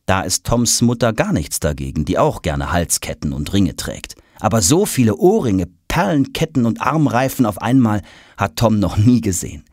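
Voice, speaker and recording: A man narrating a children's audiobook in an expressive storytelling manner. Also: lowish voice, moderate pace, no echo, clean studio sound.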